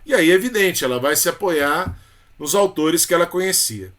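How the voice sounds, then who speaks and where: A man's voice: on the high side, expressive, normal speed, a bit bright. A man with a Brazilian Portuguese accent teaching a literature lesson for exam prep, chatty and informal, with frequent tag questions and fond terms of address for his students.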